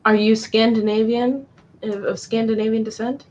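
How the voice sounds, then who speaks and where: A woman's voice: on the high side, normal speed, dull audio. A woman co-hosting a live writing stream, joking and reading out viewer comments casually. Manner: animated, jokey, reads out viewer comments. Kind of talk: casual chat.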